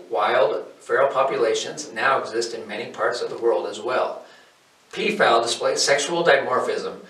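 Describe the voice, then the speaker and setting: A man in his forties, hosting a hobby farm channel, reads a scripted educational piece in a steady, informative way. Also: medium pitch. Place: indoors, in front of a wooden wall. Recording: roomy, somewhat distant mic.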